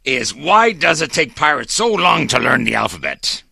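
Male host doing a jolly gravelly pirate for a morning radio bit, corny puns, lively pitch. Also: moderate pace, no room sound, full character voice. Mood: jovial. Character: jokey male pirate calling from a boat. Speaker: radio show character.

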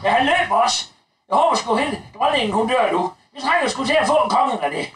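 A man plays a coarse, bossy mother who rambles on, swears freely and keeps calling herself mum. Her voice sits extremely high, and it comes from a distance in a roomy space. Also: lively intonation, a bit bright. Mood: rambling. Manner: crude, rambling, talks about herself as "mor". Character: crude gossipy middle-aged mother, bossy and blunt. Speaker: sketch actor.

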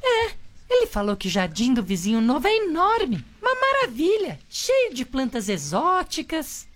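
A performer voicing a patient wife in a comedy radio sketch, calmly calming her husband down. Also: sits high, normal speed, slight background noise, heavily acted. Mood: matter-of-fact. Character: patient cartoon wife, calm and soothing.

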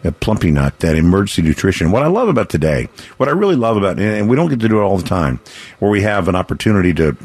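An American man hosting a live radio charity pledge drive, pitching a limited-time offer in a folksy, rambling, earnest and persuasive way. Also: big pitch swings, racing, darkish tone, husky, no room sound. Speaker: radio fundraiser host.

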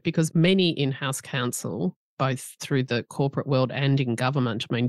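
A man's voice: mid-range voice, no room sound. Complimentary male interviewer, dry sound. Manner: warmly complimentary, conversational. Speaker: interviewer, host. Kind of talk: interview questions.

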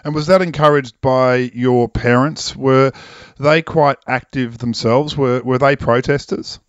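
A man's voice: mid-range voice, fairly even intonation, measured pace, dry recording, highs cut off. A man hosting a podcast, asking conversational interview questions. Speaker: podcast host.

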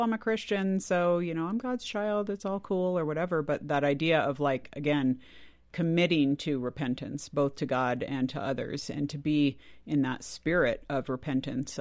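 A man's voice: medium pitch, dry recording. Upbeat male podcast host, dry studio. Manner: upbeat, affirming listener. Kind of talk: podcast hosting.

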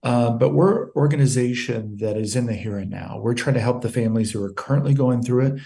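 A man's voice: medium pitch, brisk, vocal fry, warm tone. A man, head of a nonprofit, telling an emotional story in an interview and acting out both sides of past conversations. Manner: earnest, emotional, retells dialogue with quoted exchanges. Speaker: nonprofit CEO guest.

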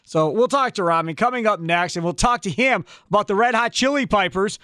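A man's voice: sits high, a little fast, pushed and bright, smooth, dry recording. A man hosting casual sports radio on a studio microphone, with a blunt, teasing way of talking. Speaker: radio show host.

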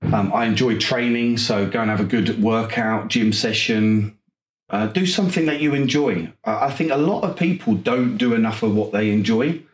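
An enthusiastic, energetic man with an Essex accent, answering conversationally as an interview guest. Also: mid-range voice, moderate pace, echoey room. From Essex, England. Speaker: interview guest, property coach.

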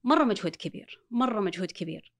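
A woman's voice: mid-range voice, expressive, quick pace. A woman, explaining reading step by step with examples as a guest. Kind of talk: explanatory talk show chat.

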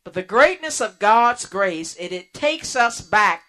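A woman hosting a radio ministry program, preaching in a slow, earnest way with pauses and restarts. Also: mid-range voice, sing-song, fairly bright tone. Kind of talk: sermon.

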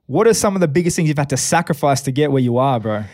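A man hosting a podcast, asking relaxed questions in casual chat and calling his guest "bro". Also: medium pitch, quick pace. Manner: laid-back, asks questions, says "bro" a lot. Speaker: podcast host.

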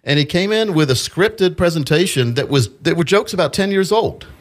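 A man's voice: on the high side, animated, moderate pace. A man hosting a radio show in a studio, chatting casually, laughing often and telling anecdotes. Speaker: radio show host, financial planner.

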